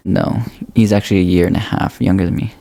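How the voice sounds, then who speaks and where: A man's voice: low-pitched, steady tone, fast, creaky, dark tone. A man in his twenties co-hosting a podcast, speaking frankly and laid-back in casual chat. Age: 20s. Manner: laid-back, frank, lots of "you know". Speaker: podcast co-host.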